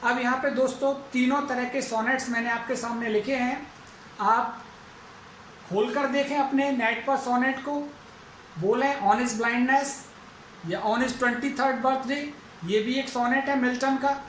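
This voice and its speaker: A man's voice: extremely high pitch, steady tone, normal speed, a bit bright, reverberant, a little hiss or hum, rough recording. A man teaching an English lesson, going through it methodically and repeating each step aloud. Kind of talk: explaining a lesson.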